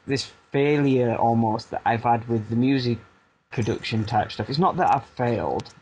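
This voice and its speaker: This casual interview features a man in his thirties from Barnsley, England, whose Yorkshire-accented, medium-pitched voice is slightly rough. A music producer turned coach, he rambles in a self-deprecating way with frequent restarts and fillers, and the recording is rough.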